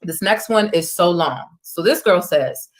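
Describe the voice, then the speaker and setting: Her voice is fairly low, with lively intonation and a slightly slow pace. Hosting a news stream online, she reads screenshots out and reacts to them in a chatty, casual way full of asides.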